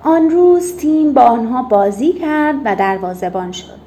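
A woman reading a children's story aloud, gently and expressively. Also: high voice, animated, slight background noise.

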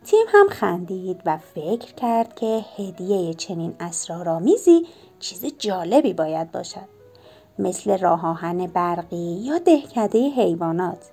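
A woman reading a children's storybook aloud in an expressive storytelling manner. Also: on the low side, breathy edge. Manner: expressive, lively narration. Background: soft music.

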